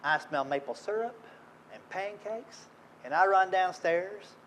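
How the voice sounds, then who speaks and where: A man's voice: sits high, animated, a little slow, a bit bright, a little hiss or hum, low-quality recording. A middle-aged man from Tennessee with a Southern accent, telling a self-deprecating funny story to an audience at an event. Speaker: speaker at an industry event. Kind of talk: humorous storytelling talk.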